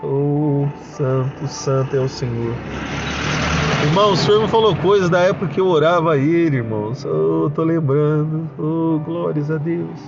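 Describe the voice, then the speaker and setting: Fervent gravelly Brazilian man testifying. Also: a little high, normal speed, dull audio, over music. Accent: Brazilian Portuguese. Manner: fervent, addresses listeners as brothers, exclaims praise. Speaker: church member giving a testimony. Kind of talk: spoken religious testimony to a channel's audience. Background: noisy motorbikes passing outside.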